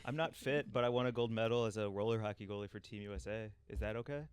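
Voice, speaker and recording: A man from Illinois guesting on a podcast as a comedian, trading deadpan one-liners in casual banter. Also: on the low side, quick pace, clear, resonant tone, no echo.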